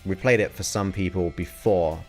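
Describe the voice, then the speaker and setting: A man in his forties chats casually through a live Q&A stream in a low, unhurried voice, thinking aloud and reading out viewer questions as he goes. Soft music plays faintly in the background.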